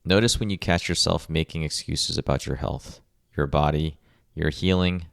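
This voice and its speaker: Male podcast host, very low and smooth voice, dry close mic, measured coaching delivery. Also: steady tone, fairly bright tone, dry recording. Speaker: podcast host, rehab clinician. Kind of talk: scripted podcast monologue.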